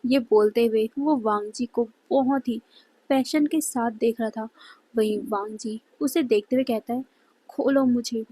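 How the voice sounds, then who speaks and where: A woman narrating a fan-fiction story in a dramatic, expressive way. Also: on the high side, a little slow, breathy edge, poor audio.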